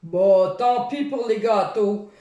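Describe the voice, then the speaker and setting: A woman's voice: medium pitch, slow pace, lightly acted. A woman reading aloud, voicing a cowardly young man who cries out in alarm. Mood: nervous. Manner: excited and fearful outbursts. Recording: roomy, distant from the mic.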